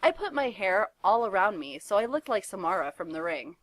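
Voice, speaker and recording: A woman's voice: mid-range voice, sing-song, fairly quick, a bit bright, dry recording. Woman reading fanfiction, dry close sound. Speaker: reader.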